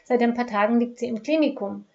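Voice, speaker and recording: A woman voicing a big, calm male police inspector who explains things reassuringly. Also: a little high, fast talker, creaky, dull audio.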